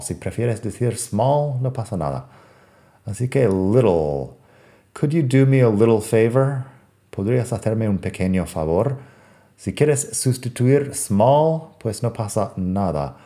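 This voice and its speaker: Male podcast English teacher, low voice, unhurried, models each word by repeating it. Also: mellow. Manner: repeats English words slowly to model pronunciation. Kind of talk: podcast language lesson.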